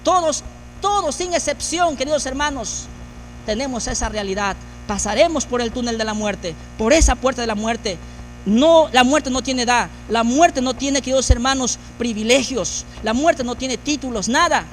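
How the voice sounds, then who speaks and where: A man's voice: very high voice, moderate pace, slight background noise. A man preaching a sermon as pastor, building emphasis through repeated phrases. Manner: preaching with rising, emphatic repetition.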